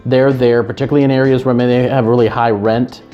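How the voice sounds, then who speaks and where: A Chicago real estate agent talks earnestly and casually to camera, often restarting sentences and repeating words. His medium-pitched voice is level, and he talks fast. The lo-fi recording sounds slightly dull, with faint music.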